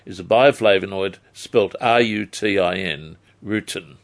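An Australian man giving health advice on a live phone-in, measured and formally worded. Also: low-pitched. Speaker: health advice expert on radio.

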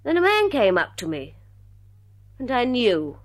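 A fallen daughter in a radio drama, weary and ashamed yet defiant. Her voice is fairly high and moves widely in pitch. She speaks deliberately, with open emotion. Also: wildly swooping pitch. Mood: bitter, resigned.

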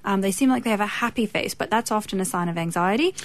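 A woman's voice: mid-range voice, fast talker, dry recording. Canadian woman vet explaining on radio. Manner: explanatory, relaxed. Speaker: veterinarian. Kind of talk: radio interview.

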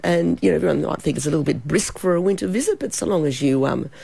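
A woman with an Australian accent, hoarse and croaky from a cold and sore throat, chatting as a travel expert in a radio interview. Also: fairly low pitch, fast talker, dark tone, no room sound. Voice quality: croaky, husky.

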